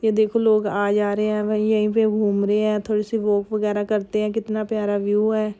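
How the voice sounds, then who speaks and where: Mellow-voiced mother narrating a family vlog. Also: medium pitch, monotone, normal speed. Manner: chatty, scolding kids in quoted asides. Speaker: vlogger mother. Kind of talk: casual voice-over narration.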